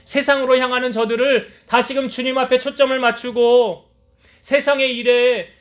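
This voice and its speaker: A male pastor with a high-pitched voice preaches a sermon in a church. He keeps asking his congregation questions and then answers them himself. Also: little pitch movement, normal speed, fairly bright tone, soft background music. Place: church sanctuary.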